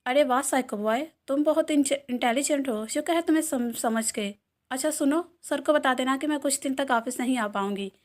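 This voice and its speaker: A woman reading a novel aloud and voicing a sharp-tongued young woman who mocks a man. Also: high voice, brisk, close to an everyday voice. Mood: mocking. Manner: sassy, mocking.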